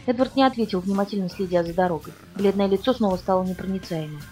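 A woman reading a novel aloud in the first person, with brisk, even storytelling. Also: mid-range voice, faint music behind. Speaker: audiobook reader.

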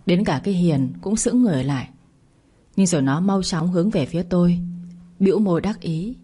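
A woman narrating a bedtime story in the first person, calm and even. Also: fairly low pitch, breathy edge.

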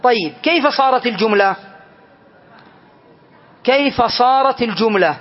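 A man's voice: very high voice, expressive, moderate pace. A man teaching a classroom grammar lesson, explaining step by step and checking with students through questions. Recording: dull lo-fi lesson recording.

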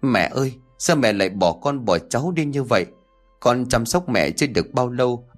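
A scheming younger daughter-in-law who argues back hotly and never gives ground, as a male narrator voices her. Her pitch swings widely as she protests. She is part of a spoken ghost story. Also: animated, moderate pace, soft background music, lightly acted. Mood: theatrical wailing. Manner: indignant, argumentative.

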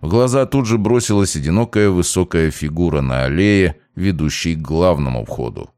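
Deep-voiced male audiobook narrator. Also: animated, normal speed, a little mellow, dry recording. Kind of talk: first-person audiobook narration.

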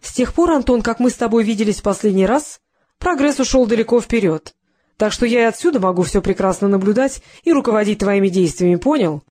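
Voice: mid-range voice, animated, fairly quick, a little mellow, close to an everyday voice. An audiobook reader voicing a menacing man who taunts his captive, in a sneering, mocking manner. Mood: taunting.

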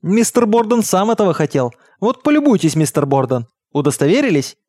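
A man's voice: sits high, sing-song, a little fast, darkish tone, dry recording, pitched above the performer's own voice. A man voicing a domineering inventor father who barks harsh commands and taunts. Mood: triumphant.

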